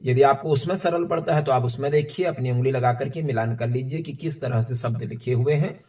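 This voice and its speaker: A man teaching how to recite Sanskrit verses, explaining hard words and chanting them slowly, syllable by syllable, at a whiteboard. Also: mid-range voice, a little mellow, recorded from a distance. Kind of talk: step-by-step recitation lesson.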